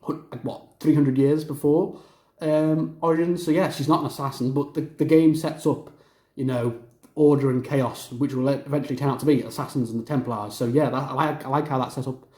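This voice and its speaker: Man, casual gaming commentary, enthusiastic, rambling, mellow tone, roomy echo. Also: medium pitch, steady tone, brisk. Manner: enthusiastic, rambling with many fillers and restarts. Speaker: gaming video host.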